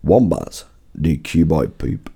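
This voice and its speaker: A man's voice: a bass voice, big pitch swings, slow, creaky, mellow, breathy edge. A man co-hosting a podcast in crude, casual banter, reading list items aloud and laughing often. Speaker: podcast co-host.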